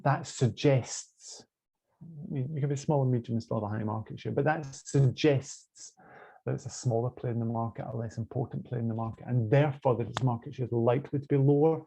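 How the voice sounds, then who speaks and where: A man's voice: mid-range voice, steady tone, very fast, vocal fry, warm tone, husky. A man with a Scottish accent giving an online lecture on law, hesitant, with many fillers and restarts, heard over a muffled video call.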